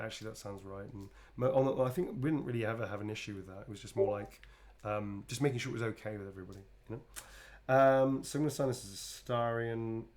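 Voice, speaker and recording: A man's voice: mid-range voice, darkish tone. Male, casual chatty read, self-deprecating and easily amused, talking while he draws. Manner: chatty and self-mocking, laughs often. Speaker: voice actor signing fan requests. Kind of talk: casual stream chat while drawing.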